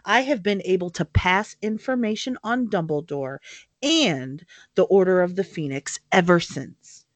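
A cold, smooth male dark wizard, read by a woman with slow, deliberate, disdainful delivery. The voice is fairly low and sits dry and close. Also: lively intonation, dry recording. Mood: measured.

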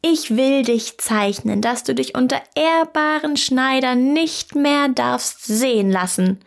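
An angry old tailor from a storybook, as a woman reading the tale puts him on, scolding in a stern, slow voice. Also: high voice, creaky, exaggerated voice.

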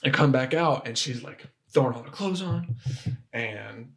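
A man's voice: medium pitch, expressive, a little slow, gravelly, a bit bright. Rambling young man telling a story. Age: young adult. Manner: rambling, with frequent restarts and "like" fillers. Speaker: podcast guest. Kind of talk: casual storytelling.

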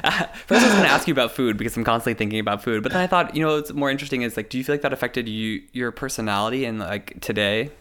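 Rapid-fire and barely pausing, a medium-pitched podcast host with a fairly bright tone rambles eagerly through introducing and questioning his guest, laughing easily. Slight background noise sits behind this enthusiastic interview chat.

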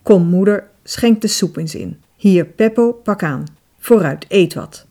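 A woman reading an audiobook voices a calm older father who waves off worries in a soothing, easygoing way. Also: medium pitch, unhurried. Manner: placating, easygoing.

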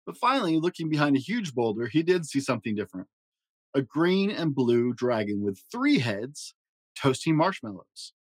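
A man reading a children's fairy tale aloud in a gentle storytelling manner. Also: big pitch swings, moderate pace, no echo, low-quality recording. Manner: gentle storytelling with varied pitch for emphasis. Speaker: storybook reader.

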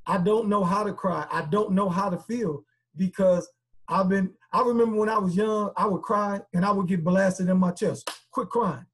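Husky high-voiced man talking earnestly. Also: steady tone, moderate pace. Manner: earnest, repetitive, conversational with filler words. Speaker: guest speaker. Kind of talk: casual podcast conversation.

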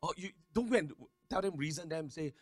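A man preaching a sermon, repeating words in quick stammering runs and calling on the congregation to respond. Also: a little high, expressive, dry recording. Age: 50s. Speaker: pastor.

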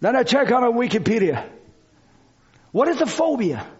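A dull lo-fi recording captures a man preaching in non-native English phrasing at normal speed, his extremely high voice swinging widely in pitch. He exhorts with fervor, repeating phrases and alternating loud shouts with quieter passages.

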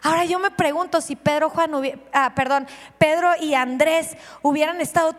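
With a big-room sound, a woman pastor preaches at a moderate pace in a high-pitched voice. She stays lively, addressing questions to the congregation and performing the scenes of her sermon.

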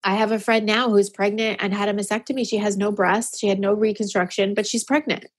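A woman's voice: medium pitch, flat delivery, brisk. A woman in her forties talking openly and earnestly as an interview guest, emotional at times. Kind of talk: candid personal conversation.

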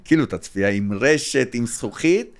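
Man telling a rambling story. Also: mid-range voice. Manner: lively, rambling anecdote with many restarts. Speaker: podcast guest, longtime fan. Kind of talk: casual storytelling chat.

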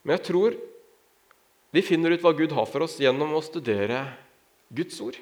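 Man preaching a sermon. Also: animated. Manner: storytelling, raises pitch when acting out shouts. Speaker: pastor.

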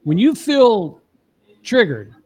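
A man's voice: high voice, big pitch swings, slow pace, warm tone. A middle-aged man, a marriage coach guesting on a podcast interview, explaining things step by step in an earnest, emphatic way. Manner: emphatic, often asks the listener "okay?".

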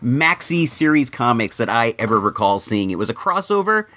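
A middle-aged man talks casually as a toy review host, mixing nostalgic stories with wry commentary. His pitch moves around in a lively way. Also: normal speed. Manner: conversational, wry. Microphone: microphone in a room.

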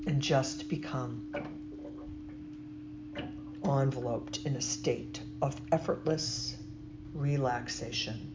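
A yoga nidra instructor leading a guided meditation in a soothing, gentle, deliberate way with long pauses. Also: mid-range voice, over music. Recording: muffled, noisy recording with steady humming tone.

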